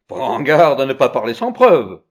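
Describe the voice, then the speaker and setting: An angry, proud judge, as a man reads him in a storybook, loud and threatening. His voice climbs high when he shouts. The pitch moves a lot. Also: big pitch swings, a little slow, slightly rough, exaggerated voice. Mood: furious.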